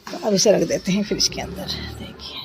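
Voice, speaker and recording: A woman's voice: lowish voice, brisk, music in the background. A woman vlogging casually at home, cooing to small children and showing the day's cooking. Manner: chatty, coos and baby-talks with small children. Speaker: family vlogger. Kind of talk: casual home vlog narration. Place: home kitchen and living room.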